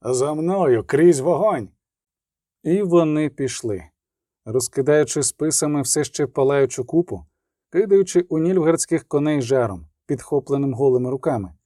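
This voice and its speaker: A man's voice: on the high side, dry recording, clean studio sound. Man narrating a fantasy audiobook. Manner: steady, measured storytelling.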